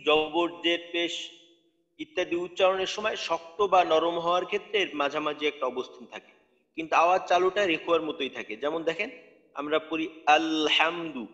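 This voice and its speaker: Male tajweed teacher, patient, drawn-out syllable demos, lo-fi roomy call sound. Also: high voice, a bit bright. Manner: patient, demonstrates sounds by repeating syllables slowly. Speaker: Quran recitation teacher. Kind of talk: online tajweed lesson.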